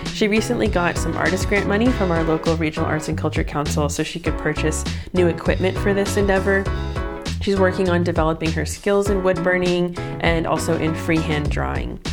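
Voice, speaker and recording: An upbeat woman opens her podcast with a scripted introduction. Her voice sits slightly low in pitch, and she sounds bright and enthusiastic. A clear music bed runs under her words. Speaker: podcast host. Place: based in a northwestern US city.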